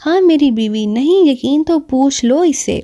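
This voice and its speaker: Brief: woman narrator reading a boastful male thug in an audiobook, threatening and gruff, mellow tone. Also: sits high, animated. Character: menacing male street thug, hot-tempered and boastful.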